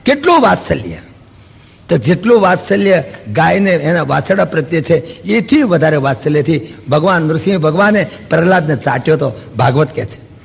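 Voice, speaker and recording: Gravelly and husky, yet pitched fairly high, this Gujarati-accented lecturer keeps a moderate pace through his spiritual talk on Vedanta. Stories, rhetorical questions and homely illustrations fill it, along with lively asides where he voices quoted speech, recorded with long hall reverb.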